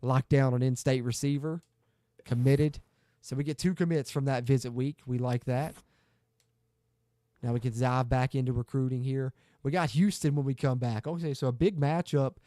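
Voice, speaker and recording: Recorded in clean studio sound with no echo, this man's mellow mid-range voice keeps a fairly even intonation and moderate pace. He plays a football video game on stream, chatting cheerfully to his viewers.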